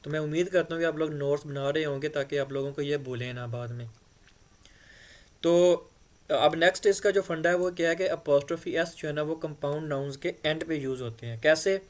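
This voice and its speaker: Male teacher, patient classroom explaining, slightly high voice. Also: moderate pace. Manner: patient, repeats "ठीक है" often. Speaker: English grammar teacher. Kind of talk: explanatory board lesson.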